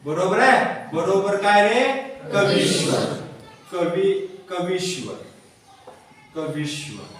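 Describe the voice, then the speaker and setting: A man's voice: high-pitched, lively intonation, slow, long pauses, slight background noise. A man teaching a grammar lesson to a class, asking questions and repeating the answers himself. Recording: echoey classroom from far off.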